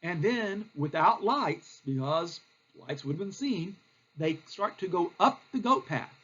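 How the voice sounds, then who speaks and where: A man's voice: high voice, animated, measured pace, fairly bright tone, breathy edge, highs cut off. A male teacher, giving a recorded history lecture in a plain, explanatory way with frequent fillers.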